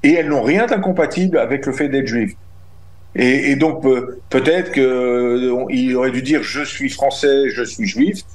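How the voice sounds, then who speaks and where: A middle-aged guest representing his community answers an interviewer at medium pitch and moderate pace. His delivery is emphatic and indignant, with phrases often restarted.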